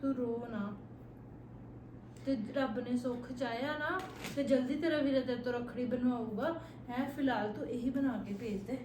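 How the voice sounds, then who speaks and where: A woman's voice: fairly high pitch, steady tone, moderate pace, roomy sound, noisy background. A woman in an amateur short-film drama, speaking in a coaxing, affectionate, teasing way. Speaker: sister-in-law in a short film.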